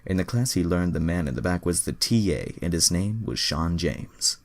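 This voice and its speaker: Reading crude fan fiction in an over-the-top, mock-dramatic style, a man with a low voice and lively intonation speaks at normal speed. He regularly breaks off for casual commentary full of profanity and exasperation.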